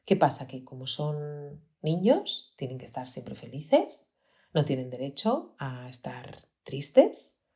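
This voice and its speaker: Deep-voiced Spanish woman telling a story. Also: warm tone. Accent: Peninsular Spanish. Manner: reflective, earnest, often drops to a near-whisper. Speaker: podcast host, pediatrician. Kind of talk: personal storytelling podcast.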